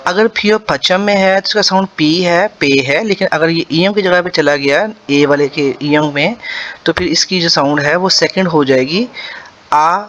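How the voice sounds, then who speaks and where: A man with a Punjabi-accented Urdu voice, patiently teaching Korean pronunciation to beginners and repeating sounds slowly syllable by syllable. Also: fairly high pitch, fairly bright tone. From Pakistan.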